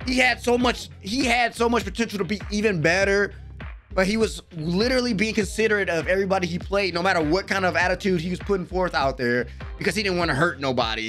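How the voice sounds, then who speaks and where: Sharp and high-pitched, this young adult American anime reaction host throws out slangy, emphatic, casual commentary. He's in a small home room, headset on, right up on a desk mic.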